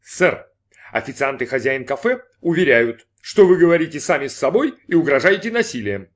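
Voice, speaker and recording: A man's voice: on the high side, very animated. A man playing a stern, formal police lieutenant. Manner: formal, measured.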